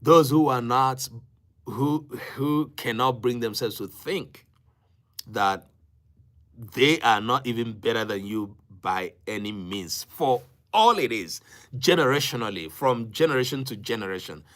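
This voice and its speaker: Addressing viewers on a live stream, a Nigerian-accented teacher from Africa, a native Igbo speaker, exhorts them in a preaching manner. His mid-range voice is fairly bright, and he leans on repeated phrases and intentional pauses.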